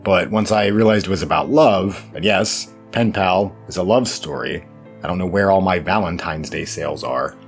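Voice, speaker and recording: Over background music, a male horror fiction writer gives an interview, his low voice showing vocal fry at a normal speed. His answers are reflective, thoughtful and self-deprecating, dotted with wry asides.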